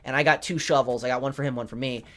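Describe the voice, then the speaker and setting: A man's voice: medium pitch, fairly even intonation, racing, fairly bright tone. Rambling, profane young man telling stories. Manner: rambling, profane, self-interrupting with lots of "like". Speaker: podcast host, rookie stand-up comedian. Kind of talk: casual storytelling monologue.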